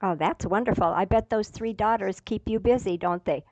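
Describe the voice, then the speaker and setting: A woman's voice: mid-range voice, normal speed, a little mellow, no echo. A woman hosting a podcast, introducing her guest with upbeat enthusiasm. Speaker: podcast host. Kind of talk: interview hosting. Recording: dry, dull lo-fi sound.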